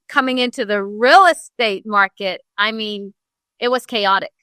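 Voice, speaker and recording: Bright, crisp-voiced woman guest. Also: a little high, no room sound. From Ghana. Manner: earnest and animated, many fillers. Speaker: guest, real estate broker. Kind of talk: casual interview storytelling.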